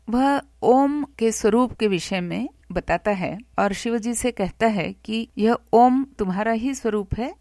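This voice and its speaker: A woman teaching Sanskrit who explains a devotional hymn in a slow, measured way and chants its verses. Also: mid-range voice, vocal fry.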